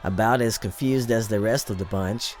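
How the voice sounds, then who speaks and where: A man's voice: fairly low pitch, moderate pace, lightly acted. A man voicing a blunt, sarcastic woman on a covert crew, in an audiobook reading. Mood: dry. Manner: blunt, dry.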